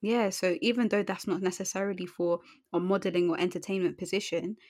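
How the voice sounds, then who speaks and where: A woman's voice: fairly low pitch, fairly even intonation, brisk, a little mellow, no room sound, studio quality. A young woman co-hosting a podcast in slangy, playful banter, often repeating phrases for emphasis. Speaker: podcast co-host.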